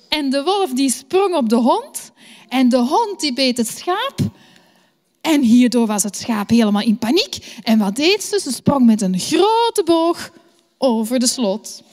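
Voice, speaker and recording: A Flemish woman telling a children's story at a church service, lively and asking the children questions. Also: sits high. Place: church hall. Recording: long hall reverb.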